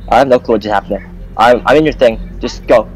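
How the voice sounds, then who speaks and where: A man's voice: mid-range voice, quick pace, soft background music, rough recording. A man in casual gaming chat over a headset mic, joking around and slipping into a put-on broken-English bit. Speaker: gamer.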